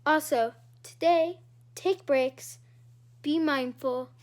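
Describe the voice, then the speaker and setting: Woman doing morning announcements for a school, high pitched, upbeat and encouraging. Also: slow. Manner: upbeat, encouraging sign-off to students.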